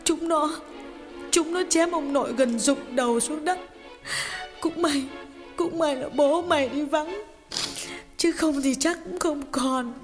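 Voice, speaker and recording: A woman voicing a grieving middle-aged mother in an audiobook drama, telling a painful story in a tearful, halting way with repeated words. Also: high-pitched. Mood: anguished. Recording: long reverb with background music.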